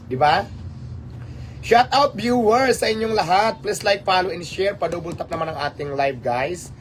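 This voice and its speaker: A man's voice: medium pitch, slight background noise. A man hosting a casual livestream, talking animatedly and rhetorically, mixing in English phrases. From Philippines. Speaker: livestream host.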